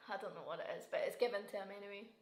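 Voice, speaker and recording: A woman's voice: mid-range voice, very fast. A Scottish woman hosting a casual quiz, reading each question twice and laughing often. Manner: giggly, chatty, reads questions twice. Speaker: quiz host. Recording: roomy echo.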